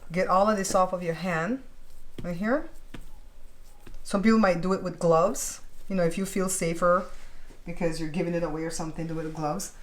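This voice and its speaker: A woman's voice: lowish voice, fairly even intonation, normal speed. A woman chatting casually as she hosts a home baking tutorial, explaining step by step and checking in with viewers. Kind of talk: casual cooking tutorial chat. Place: indoors at a kitchen counter. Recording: clearly noisy home recording.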